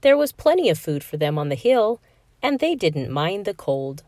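Expressive woman reading a children's book. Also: fairly low pitch, normal speed, no echo, clean studio sound. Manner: expressive, sing-song storytelling. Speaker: storyteller. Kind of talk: children's read-aloud.

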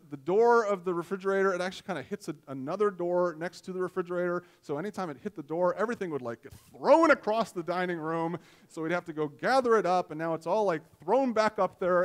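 A man in his forties, a pastor, preaching a sermon on a church stage into a headset mic, in a conversational, self-deprecating storytelling way. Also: high voice.

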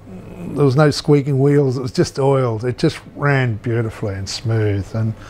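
A man in his sixties recalls his working years in a relaxed, rambling way with many fillers, speaking indoors on a video call. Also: mid-range voice, normal speed, a little hiss or hum. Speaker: interviewee. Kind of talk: oral history recollection. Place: indoor room.

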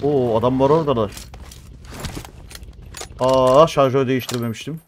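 A man in his thirties giving animated gameplay commentary, cursing and complaining at teammates as he plays. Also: medium pitch, normal speed, a little hiss or hum. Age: 30s. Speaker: mobile game streamer.

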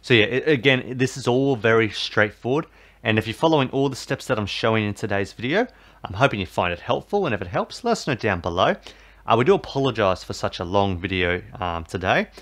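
A tech tutorial host narrates a casual how-to on resetting a TV box, his low-ish voice expressive, fairly quick and a bit bright. He rambles, leans heavily on fillers and keeps repeating "basically" and "obviously."

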